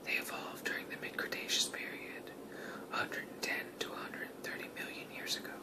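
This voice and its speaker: A narrator speaks entirely in a whisper, as if watching wildlife up close. The delivery is a scripted ASMR nature lesson, hushed from start to finish. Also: brisk.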